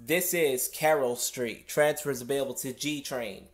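A man's voice: medium pitch, moderate pace. A man working as a subway train announcer, giving formal passenger service announcements in the manner of an airport announcement.

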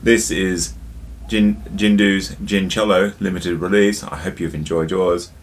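Deep-voiced chatty man reviewing drinks. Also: steady tone, measured pace. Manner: chatty, jokey, addresses viewers as "my people". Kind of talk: casual drinks review vlog.

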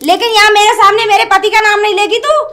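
A woman's voice: very high voice, fairly even intonation, fast talker, bright, forceful tone. A woman playing a jealous, domineering elder wife who scolds and taunts in a comedy skit. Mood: scolding. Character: bossy jealous elder wife, sharp-tongued.

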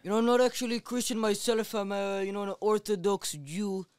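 A man chatting as a podcast guest, using an accent the others call fake and denying it deadpan. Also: high voice, fairly quick, clear, resonant tone, no room sound. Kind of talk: casual podcast chat.

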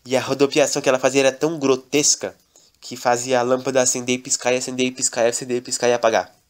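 A man's voice: mid-range voice, level tone, rapid-fire. A man telling an absurd comic story in a mock-dramatic, repetitive storytelling manner.

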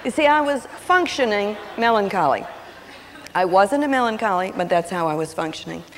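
A woman giving a lively teaching talk, telling stories and acting out what people say in changing voices. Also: medium pitch, normal speed, a little hiss or hum. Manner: animated, acts out quotes in changing voices. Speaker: seminar speaker on personality and marriage. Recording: long hall reverb on an old videotape.

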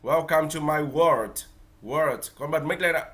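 A man teaching an online English class to young children. He coaxes patiently and says English phrases slowly for them to repeat. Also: on the high side, a bit bright, a little hiss or hum. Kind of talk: online class teaching, mixing Vietnamese instructions with English drills. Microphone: video call.

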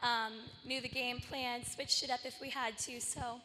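A young woman who plays on a college volleyball team, her voice hoarse, giving an earnest thank-you speech with many pauses. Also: fairly high pitch, little pitch movement, sharp tone, big-room sound, a little hiss or hum. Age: young adult. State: lost her voice. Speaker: senior college volleyball player.

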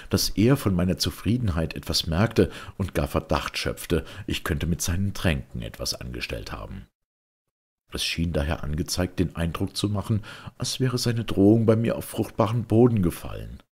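A man narrates a novel in the first person with a very deep, husky voice. His delivery is measured, and his pitch moves widely from phrase to phrase. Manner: measured, expressive storytelling. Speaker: audiobook reader.

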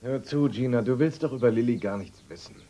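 A man's voice: medium pitch, brisk, warm tone, lightly acted. An actor dubbing a dry, suspicious man who probes a scheming woman in a soap opera. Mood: probing. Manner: dry, probing. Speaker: brother. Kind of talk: German-dubbed soap opera acting.

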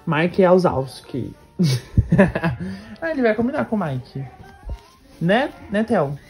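Woman, unhurried cooing baby talk, playful mother, clear background music. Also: lowish voice, sing-song, darkish tone. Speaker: mother filming her baby twins. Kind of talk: casual home video chat.

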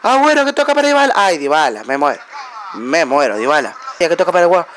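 A young Argentine man commentating his own football video game match like a fan, cheering and shouting at big plays. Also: a little high, very animated, fast talker, slight background noise. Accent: Argentine Spanish. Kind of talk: excited play-by-play game commentary.

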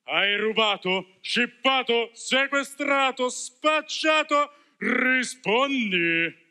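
A male student actor playing a blustering, soft-hearted puppet master in a school stage musical, theatrical and melodramatic. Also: very high voice, animated, extremely slow, clean tone, heavily acted. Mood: gruff. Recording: reverberant theater hall.

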